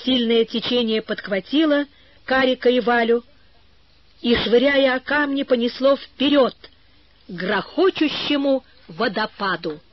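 A woman narrating an adventure story as an audiobook, in a measured storytelling manner. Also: on the high side, no echo, highs cut off. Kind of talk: audiobook reading.

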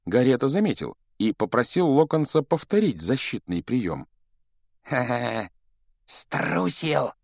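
A man reading a children's fantasy story aloud in an animated, expressive way and voicing each of its characters. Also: mid-range voice, moderate pace, hardly any pauses, dry recording, studio quality. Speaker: audiobook narrator.

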